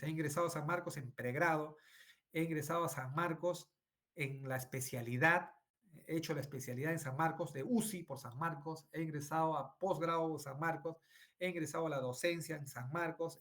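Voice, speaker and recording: A man's voice: on the high side, a bit bright. Man lecturing, tag questions. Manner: frequent tag questions and fillers; repeats phrases for emphasis. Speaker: medical lecturer. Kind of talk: online university lecture.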